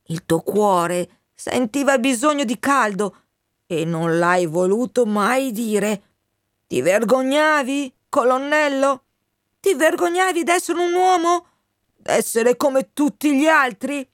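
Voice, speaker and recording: A woman's voice: high-pitched, takes it slowly, no room sound, studio quality, voice pushed up. A woman voicing a loyal male wind spirit, speaking in a raised, urgent, pleading way.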